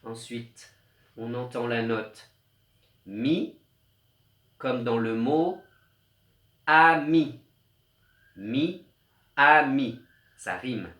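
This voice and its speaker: A man teaching a remote lesson to young children, slowly stressing each syllable as he explains musical notes and rhymes. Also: medium pitch, expressive, a little mellow. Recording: echoey room.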